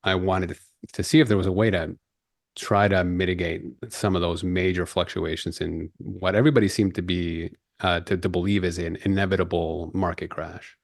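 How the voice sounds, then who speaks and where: A man with a very low voice gives a podcast interview, laying out his background in a measured, explanatory way. His voice sounds dry and close to the mic, with no room around it. He is in his forties and grew up in Peru. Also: steady tone, gravelly, no room sound. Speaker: guest.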